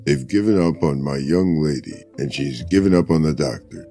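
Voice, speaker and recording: A man's voice: very deep voice, expressive, normal speed, dark tone, voice pushed down. A man voicing a stiff, curt butler of a rich house, talking in clipped, dismissive lists over faint music.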